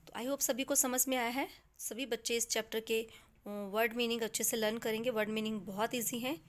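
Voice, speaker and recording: Woman teacher explaining a story chapter. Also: fairly high pitch. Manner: retells the story then explains in simpler words. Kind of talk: explaining a textbook chapter to students.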